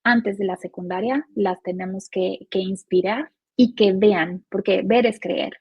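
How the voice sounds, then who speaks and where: A woman's voice: medium pitch, fairly even intonation, measured pace, breathy edge, dry recording, lo-fi sound. A Mexican woman in her forties with a Mexican Spanish accent, a podcast guest explaining her views earnestly and tagging her points with questions. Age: 40s. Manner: earnest, explanatory, uses many rhetorical "¿no?" tags. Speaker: guest, gender and care policy specialist. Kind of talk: podcast interview.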